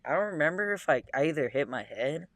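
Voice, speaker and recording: A man's voice: a little high, expressive, fast, a bit bright, no echo. A young man in a casual chat with his sister, laid-back, with many short agreeing replies. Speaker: podcast co-host.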